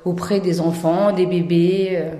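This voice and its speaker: A woman's voice: lowish voice, steady tone, unhurried, dark tone. A woman explains her work as a professional clown in interview answers. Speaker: professional care-setting clown. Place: echoing room in a care home. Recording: echoey indoor room.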